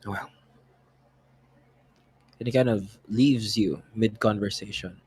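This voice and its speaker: A man's voice: on the low side, steady tone, slow, a little mellow, husky, no echo. A man with a Filipino accent narrating a tabletop game as game master, casual and improvising. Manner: casual, improvising, mixes in slang.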